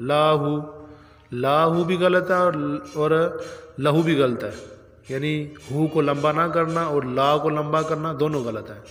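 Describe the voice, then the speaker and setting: A man teaching correct pronunciation of recitation, stretching out each word slowly as he shows how to say it. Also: a little high, fairly bright tone, in a large hall, slight background noise. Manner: slow, drawn-out demonstrations of words. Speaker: Quran teacher. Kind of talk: pronunciation lesson.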